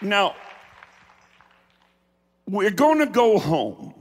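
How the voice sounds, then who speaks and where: Male preacher, Appalachian accent, high and very animated voice, folksy theatrical sermon in a reverberant hall. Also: some chatter behind, slight background noise. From Appalachia, United States. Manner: deliberate, theatrical delivery with emphatic pauses. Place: large hall, preaching to a congregation. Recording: echoing large hall with long reverb.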